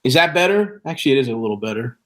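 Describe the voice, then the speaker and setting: A man's voice: mid-range voice, big pitch swings, very fast, a bit bright. A man chatting casually on a live stream, joking and swearing. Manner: profane, joking.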